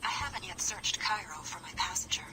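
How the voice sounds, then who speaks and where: A woman's voice: lowish voice, brisk, loud music behind the voice, lightly acted, rough recording. Woman playing a robotic helicopter pilot. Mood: flat, dutiful. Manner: flat, robotic delivery.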